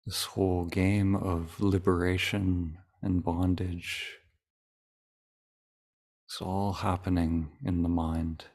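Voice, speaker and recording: Speaking in a low voice, a man guides listeners through meditation as their teacher. He keeps a calm, deliberate pace, offering brief phrases with long pauses between them.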